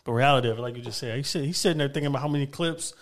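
Casting: male podcaster, rapid casual delivery, mid-pitched, slangy and profane.

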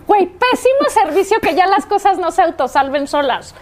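Mexican woman co-host, forties, high bright voice, lively storytelling in casual chat. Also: moderate pace, slight background noise. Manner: animated, acts out quoted voices. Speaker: podcast co-host.

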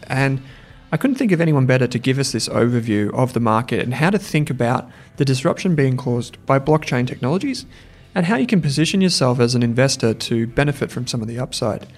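A man's voice: medium pitch, expressive, a little fast, soft background music. A man hosting an investing podcast interview, talking in a casual, chatty way with restarts. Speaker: podcast host.

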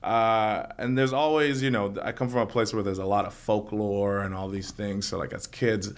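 A young man from Trinidad and Tobago, a guest actor telling stories in a podcast interview, animated and building tales with repetition. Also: on the low side, normal speed.

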